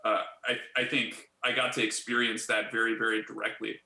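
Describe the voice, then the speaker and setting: A man in his thirties, a company chief executive, answering interview questions in a measured way with many fillers and restarts. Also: on the low side, flat delivery, gravelly, pushed and bright, reverberant. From Bulgaria.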